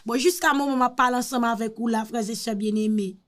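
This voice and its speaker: Haitian lady, high voice, casual mocking commentary, slips between creole and french. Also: fast, a bit bright. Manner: teasing, interjecting, mixing Creole with French. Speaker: commentator reacting to a political speech.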